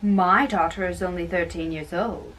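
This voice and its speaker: A woman takes part in an amateur dramatic play reading, her delivery a little halting. Her voice is on the low side and a bit bright, and she was recorded at a distance from the mic with background noise.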